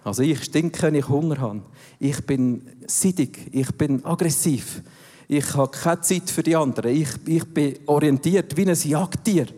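A man preaching with emphasis and asking his listeners direct questions. His voice sits fairly high, with a dark, mellow color. A long reverb of a large hall trails every phrase. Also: a little slow. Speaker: pastor. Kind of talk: sermon.

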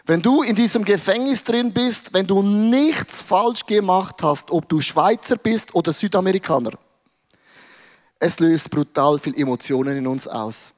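A man's voice: high-pitched, a little slow. A man preaching casually, retelling a story dramatically with slang. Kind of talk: sermon storytelling.

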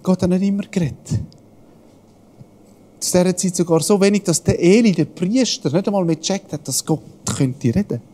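A man's voice: high voice, brisk, mellow, long reverb tail. A man giving a casual devotional talk as a pastor, telling everyday stories with frequent chuckles. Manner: storytelling, chuckling often, acts out voices.

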